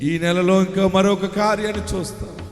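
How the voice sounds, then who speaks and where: A man pastor leading an impassioned prayer sermon, often shouting and crying out to the congregation. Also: high-pitched, fairly even intonation, normal speed. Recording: echoey hall with music underneath. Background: music.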